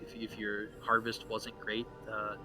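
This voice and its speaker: Game master man, halting narration. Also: lowish voice, completely flat delivery, over music. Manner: halting, filler-heavy storytelling.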